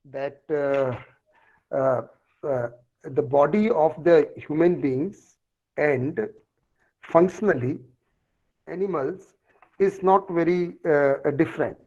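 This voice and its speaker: A man with a North Indian accent giving an extempore online lecture in a halting, hesitant manner. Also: a little mellow. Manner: halting, with many long hesitations. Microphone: online call on a phone. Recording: dull, low-fidelity online call audio.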